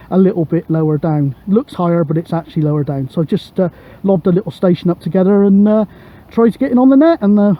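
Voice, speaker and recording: Here a British vlogger and CB radio operator talks casually and colloquially outdoors on a grassy hilltop, his high-pitched voice coming through narrow, tinny audio.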